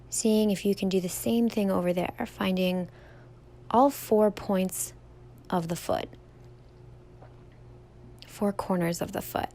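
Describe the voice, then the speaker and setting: Her voice sits in the mid range as this young yoga teacher leads a standing guided meditation. The delivery is slow, gentle and calming, with words stretched out softly.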